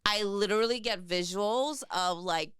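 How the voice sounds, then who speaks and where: A woman's voice: medium pitch, unhurried, a bit bright, clear, resonant tone, no room sound, clean studio sound. A young adult woman co-hosting a podcast, speaking frankly and with exasperation, using fillers. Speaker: podcast co-host. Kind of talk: casual conversation.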